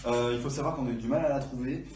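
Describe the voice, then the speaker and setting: A man's voice: medium pitch, steady tone, very fast, a loud crowd. A man co-hosting a casual homemade cooking show with a mock-formal way of talking. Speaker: co-host of an amateur cooking video. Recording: echoey, distant, noisy room.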